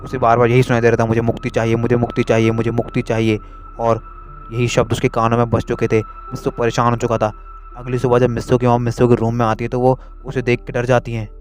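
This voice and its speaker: Fast-talking man narrating a story. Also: mid-range voice, monotone, faint music behind. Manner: hurried, repetitive telling.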